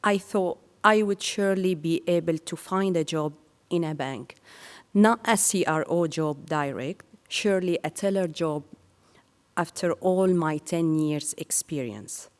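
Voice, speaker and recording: Slow, low-voiced woman from Syria. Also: big-room sound. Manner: slow and measured, with earnest pauses. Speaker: speaker sharing her career story. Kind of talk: prepared speech.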